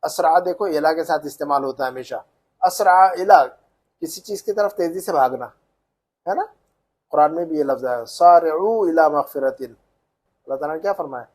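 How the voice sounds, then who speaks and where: A man teaching an Arabic reading lesson, explaining grammar patiently and slowly drilling each word's pronunciation. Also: on the high side, a little mellow, slightly rough. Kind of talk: language lesson.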